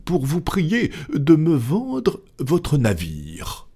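Man doing a super calm posh gentleman, slow and formal, bit gravelly. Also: a little high, voice pushed up, full character voice. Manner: measured, unruffled, formal. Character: imperturbably calm English gentleman, male, middle-aged.

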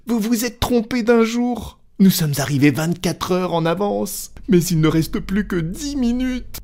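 A man's voice: high voice, expressive, takes it slowly, dark tone, husky, voice pushed up, full character voice. A man voicing a frantic, breathless male manservant who stammers in panic, as an audiobook character voice. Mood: panicked.

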